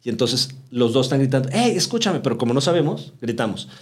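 A man with a Mexican accent in casual chat, telling stories in a slangy, animated way and acting out quoted dialogue. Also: mid-range voice, fast. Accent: Mexican Spanish.

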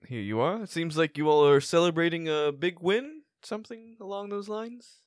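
A man's voice: a little high, lively intonation, moderate pace, no room sound, studio quality, lightly acted. A man voicing an accommodating innkeeper in an improvised tabletop game, talking politely and a little hesitantly to guests. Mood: friendly, chatty. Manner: polite, obliging, slightly hesitant service talk. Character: accommodating male innkeeper at an adventurers' guild. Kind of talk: improvised tabletop role-play.

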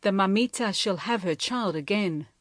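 A woman's voice: medium pitch, normal speed, dry recording, studio quality, close to an everyday voice. A woman reading the lines of a young male chief in a storybook, protective and pleading. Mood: low reassuring. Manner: pleading, raised voice when alarmed.

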